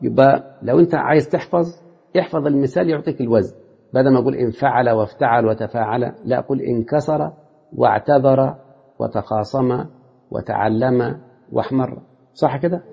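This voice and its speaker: A man's voice: medium pitch, a little fast, creaky, dark tone, slightly rough. A man teaching a classroom lesson in an Egyptian Arabic accent, constantly quizzing his students with short questions. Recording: lo-fi hall recording with long reverb.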